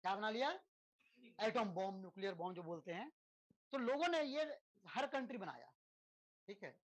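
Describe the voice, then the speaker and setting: A man's voice: high-pitched, expressive, normal speed, poor audio. Chatty male teacher asking tag questions. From India. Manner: conversational, constantly checks in with tag questions; rhetorical questions and homely examples. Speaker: physics teacher. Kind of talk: lecture to students.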